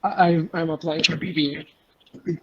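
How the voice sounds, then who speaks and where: A young man from Switzerland answering interview questions over a video call. His voice sits a little high and comes through dull and lo-fi. He speaks in polished, rehearsed sentences but stumbles when quizzed. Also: flat delivery, a little slow, sharp tone, slightly rough. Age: young adult. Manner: polished, rehearsed self-introduction, hesitant on questions. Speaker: admission candidate. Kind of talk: online group interview. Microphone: computer microphone on a video call.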